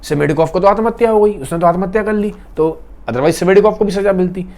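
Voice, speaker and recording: A man's voice: sits high, quick pace, darkish tone. A man retelling a classic novel in a casual, conversational and dramatic storytelling style.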